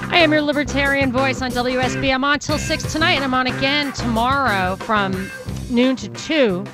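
High-pitched Brooklyn woman hosting talk radio. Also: music in the background. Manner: informal, halting, thinks aloud. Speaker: radio talk show host. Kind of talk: live talk radio, conversational monologue. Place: radio studio. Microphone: close studio microphone.

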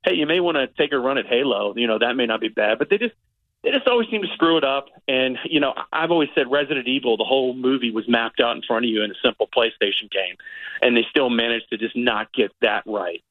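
A fast-talking middle-aged man with a medium-pitched voice gives a casual movie review on a radio show. He rambles and repeats himself for emphasis, captured in a dry, phone-quality recording.

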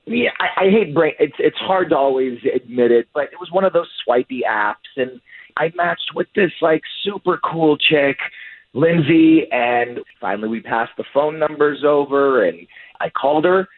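A man's voice comes over a tinny phone line, pitched a little high for a man. He rambles and halts as he talks, a caller on a radio show. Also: moderate pace, no echo. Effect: heard over a phone line.

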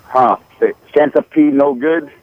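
A man calling into a radio gardening show over the phone, asking halting, hesitant questions. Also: mid-range voice, no echo. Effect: heard over a phone line. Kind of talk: call-in question to a gardening host. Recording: tinny, dry phone line.

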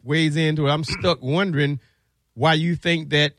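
A man's voice: on the high side, steady tone, moderate pace, fairly bright tone, no room sound. A man co-hosting a radio show, trading dry, needling jabs in casual banter. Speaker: radio co-host.

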